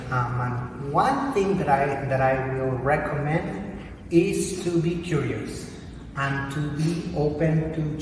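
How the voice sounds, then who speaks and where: A middle-aged man from Mexico, a professor and program director, answering interview questions in a measured, reflective way, often searching for words. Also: medium pitch. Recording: echoey hall, distant mic, background noise.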